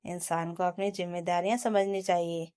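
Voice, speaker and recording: A woman's voice: on the low side, little pitch movement, moderate pace, darkish tone, clear, resonant tone, lightly acted. A woman voicing a taunting, bossy mother-in-law. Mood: scolding. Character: stern scheming middle-aged mother-in-law.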